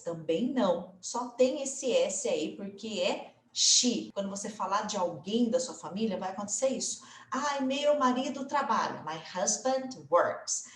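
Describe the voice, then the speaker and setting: In a casual video lesson, a Brazilian woman teaches English grammar, her speech chatty and sprinkled with little tag questions. She slows down to spell out example phrases. Her voice sits on the high side, her Brazilian Portuguese accent is audible, and the sound is roomy.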